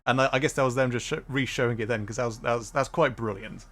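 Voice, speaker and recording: Man, modern British received pronunciation, casual live-stream commentary, halting rambling explanations, medium pitch. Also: steady tone, fairly bright tone. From Midlands of England. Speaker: streamer reacting to a game showcase.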